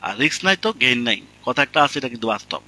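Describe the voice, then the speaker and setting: Guy teaching a class, preachy, keeps asking the students questions, bright sharp voice. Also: medium pitch, big pitch swings, fast, poor audio. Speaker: course instructor. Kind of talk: motivational classroom lecture.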